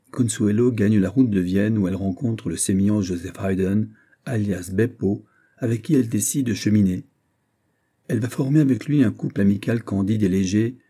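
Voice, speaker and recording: A man reading a classic novel aloud as an audiobook, calm and even. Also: on the low side, husky. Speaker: audiobook narrator.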